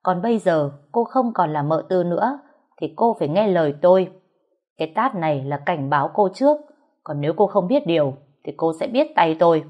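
A woman's voice: fairly low pitch, moderate pace, lo-fi sound, lightly acted. A woman voicing a stern, protective older housekeeper who speaks firmly in a storytelling audiobook. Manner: stern, firm.

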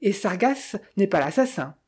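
Woman voicing a young man, curt, tense, husky, mellow. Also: medium pitch, very animated, normal speed. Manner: curt, clipped, through clenched teeth.

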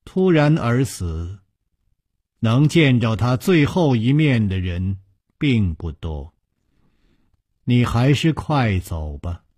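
A man voicing a cold, guarded middle-aged widow in a wuxia story, speaking low, flat and measured. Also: husky, no room sound, clean studio sound, full character voice.

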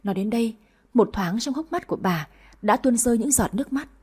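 A woman narrating a family story in a calm, even storytelling manner. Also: fairly high pitch, fairly quick, slightly rough.

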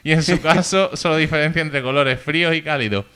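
A man's voice: a little high, fairly quick, sharp tone, smooth. A man with a Spain accent co-hosting a podcast, chatting casually and jokily and reading out listener mail. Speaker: podcast co-host.

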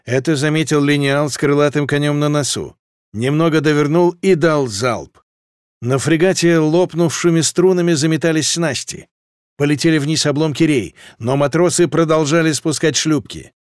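A man reading a historical fantasy audiobook with steady, lively narration. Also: a little high, moderate pace, smooth, no echo, studio quality.

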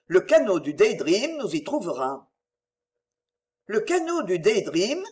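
Reader doing a jovial teasing nobleman, lively up and down, audiobook. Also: mid-range voice, takes it slowly. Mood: jaunty. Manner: breezy, teasing, laughing. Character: dashing English nobleman, jovial and flippant. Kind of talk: audiobook reading.

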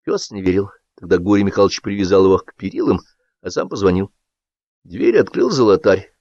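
A man narrating a satirical story in an expressive, lively reading. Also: low-pitched, fairly quick, dry recording. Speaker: audiobook narrator. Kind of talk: scripted narration. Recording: dull dry audiobook recording.

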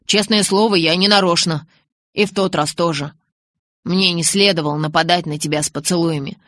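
A woman's voice: lowish voice, fairly even intonation, brisk, a bit bright, dry recording, natural voice. A woman reading as a sulky teenage boy. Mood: earnest. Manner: pleading, then moping and pressing.

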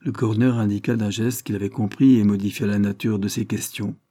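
A man narrating a French crime novel audiobook in a measured, even reading, close to the mic. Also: lowish voice, no echo. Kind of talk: scripted narration.

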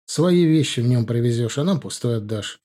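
A man's voice: mid-range voice, animated, normal speed, warm tone, natural voice. A man voicing an easygoing, helpful friend in an audiobook.

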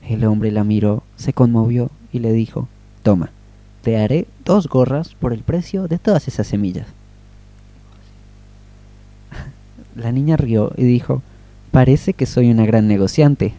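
Male radio storyteller, very dark mellow tone, gentle unhurried delivery. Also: medium pitch, dry recording. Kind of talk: improvised story reading.

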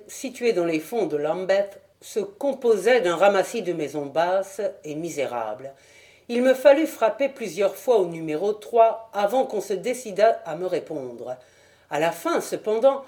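A woman reading a novel aloud as an audiobook in measured, even scripted narration. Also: medium pitch. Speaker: audiobook reader.

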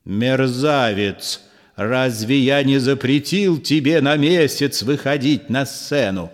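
A man's voice: mid-range voice, takes it slowly, close to an everyday voice. A man voicing a bold, swaggering swordsman-poet who threatens and mocks in verse. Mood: threatening. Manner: scornful, threatening, mocking politeness.

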